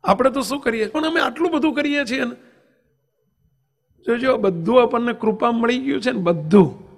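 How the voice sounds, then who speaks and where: A male monk delivers a devotional sermon in an unusually high voice. He talks emphatically, keeps checking in with his listeners through quick rhetorical questions, and weaves in anecdotes. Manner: tells anecdotes and sings verses. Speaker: monk preacher.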